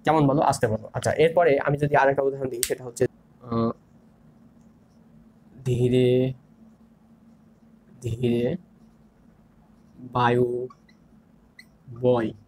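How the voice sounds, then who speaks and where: A young man at a mid pitch explains grammar step by step, saying each term twice and answering his own questions. Faint background noise sits under his voice. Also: flat delivery, slow, pauses often, a little mellow. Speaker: grammar instructor. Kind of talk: online grammar lesson.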